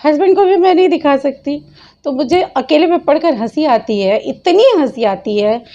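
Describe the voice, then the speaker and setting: A woman's voice: high voice, normal speed, mellow, dull audio. A woman hosting her own channel, scolding and mocking people in reaction commentary and laughing often. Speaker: channel host.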